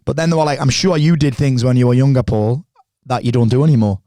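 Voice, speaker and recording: Fast-talking, animated man, close and dry. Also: medium pitch, no room sound. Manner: animated storyteller, swears freely. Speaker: podcast guest. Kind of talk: casual conversation.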